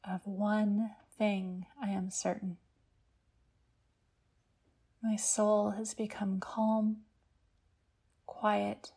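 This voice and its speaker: A woman with a medium-pitched voice leads a sleepy guided meditation, much like a sleep story narrator. Her voice is soft, breathy and partly whispered. She speaks slowly in a hushed, gentle, unhurried way, leaving long pauses.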